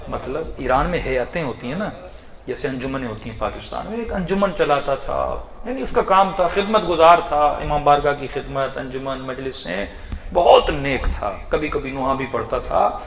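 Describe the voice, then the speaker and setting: A male cleric gives an emotional storytelling sermon in a reverberant hall. His voice sits fairly high for a man. He swings dramatically from loud, pleading cries down to hushed passages. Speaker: cleric reciting a mourning sermon. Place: mourning gathering in a hall. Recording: echoey hall.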